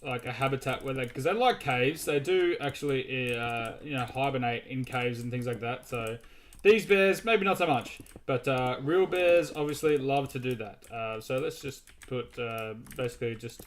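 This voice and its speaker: A man's voice: mid-range voice, moderate pace, a little hiss or hum. A man hosting a casual gaming video, narrating his building as he goes in a chatty, rambling way with many restarts. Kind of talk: casual gameplay commentary.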